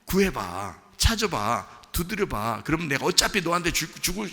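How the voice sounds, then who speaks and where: A male pastor preaching a sermon in a conversational, animated way, acting out a father and his children, recorded in a church sanctuary. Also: fairly high pitch, normal speed. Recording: church sanctuary with long reverb.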